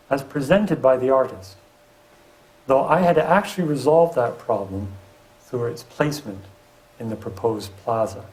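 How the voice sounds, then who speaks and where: A middle-aged male professor lecturing on landscape design, his pitch rising and falling in a lively way. He walks through slides at a middle pitch and drops dry, wry asides. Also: low-quality recording. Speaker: university professor and landscape architect.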